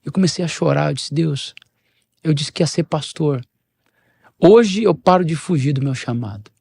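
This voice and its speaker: A middle-aged Brazilian pastor tells a personal story during a podcast interview, speaking at a moderate pace in a gravelly, slightly rough voice. He's an animated storyteller who acts out the dialogue and shifts his pitch and volume. The recording is dry.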